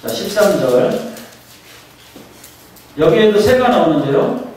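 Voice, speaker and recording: A man's voice: sits high, expressive, slow, a little mellow, slight background noise. A man preaching a sermon as pastor, often putting questions to the congregation. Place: church sanctuary. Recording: echoey church hall from far off.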